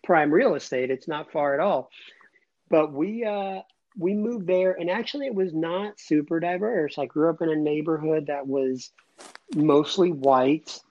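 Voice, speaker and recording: A man's voice: a little high, darkish tone. A man in his late thirties, a guest on an interview show, telling his story in an earnest, rambling way. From Cuba, raised near Atlanta. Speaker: guest, immigration lawyer. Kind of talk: casual interview chat. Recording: dull lo-fi audio.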